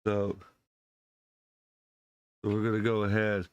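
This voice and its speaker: Talking slowly and in a monotone, a sick man hosts his channel, his voice deepened by illness and his casual chat to viewers littered with fillers and restarts. The tone is clean with no echo, though the sound is lo-fi and the desk mic clips when he's too close.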